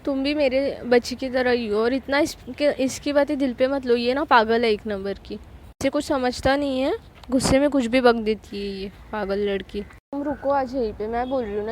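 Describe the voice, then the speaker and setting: A woman puts on a middle-aged mother who scolds and insists in a fairly high voice. She nags her own daughter while doting on the visitor, never letting up. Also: normal speed, darkish tone, a little hiss or hum, lightly acted. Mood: scolding.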